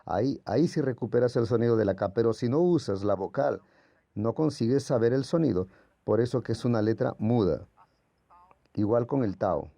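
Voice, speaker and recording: A man's voice: mid-range voice, lively intonation, moderate pace, vocal fry, dark tone, no echo. A man whose first language is Portuguese gives a patient, explanatory lecture as a Greek language teacher, sounding out letters as he goes. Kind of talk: classroom lecture.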